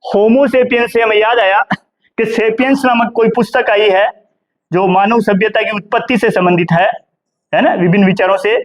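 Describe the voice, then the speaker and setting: Speaking at a moderate pace in a high, steady voice, a middle-aged Indian history professor gives a classroom lecture. He asks his students questions only to answer them himself, addresses them as "beta," and keeps ending sentences with "hai na."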